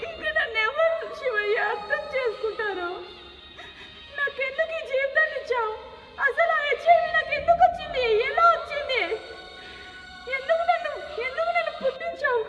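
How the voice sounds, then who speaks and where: A woman's voice: extremely high pitch, normal speed, fairly bright tone, muffled recording, soft background music. A young woman acting in a stage drama, speaking in a tearful, pleading, anguished way, recorded from far off in an echoey hall. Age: young adult. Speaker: student actor playing the sick daughter.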